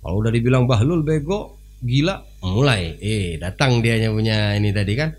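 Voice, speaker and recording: Preacher guy, lowish voice, chatty storytelling sermon. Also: moderate pace. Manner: lively, conversational, with sudden rises.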